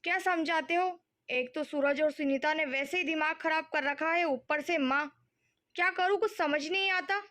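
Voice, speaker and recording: A high, complaining voice of a fed-up middle-aged wife, put on by a woman reading a story aloud. She snaps and grumbles, exasperated and short-tempered, in a storybook reading. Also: normal speed, pushed and bright. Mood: irritated.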